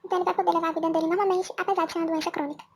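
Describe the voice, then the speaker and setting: A squeaky, pitched-up chipmunk voice from a man whose speech has been sped up, chattering through a playful story. It sits extremely high and races along at a quick clip. The delivery stays jokey and self-mocking, like a narrator goofing around. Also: level tone.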